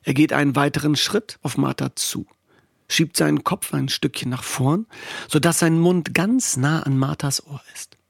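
A man reads a story aloud in a steady, expressive voice. His tone sits a little high with a gravelly texture, and the close studio mic keeps the sound dry. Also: moderate pace, no echo. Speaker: narrator. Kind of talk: audiobook storytelling.

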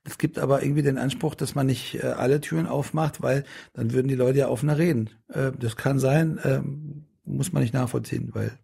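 A man's voice: mid-range voice, fairly even intonation, fairly quick, gravelly, hardly any pauses, mellow, breathy edge. A middle-aged man in a casual interview, talking in a rambling way with many restarts and fillers. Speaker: politician guest.

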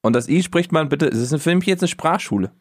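A man's voice: fairly high pitch, lively intonation, fast, dry recording. Casual man fumbling names, dry sound. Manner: casual, stumbling over names. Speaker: podcast co-host. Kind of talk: casual sports chat.

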